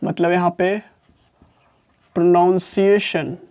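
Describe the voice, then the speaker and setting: A grammar teacher giving a classroom lesson, repeating each point and slowly dictating definitions word by word. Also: mid-range voice, fairly even intonation, a little mellow, clean tone. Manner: repeats points and asks questions before answering them.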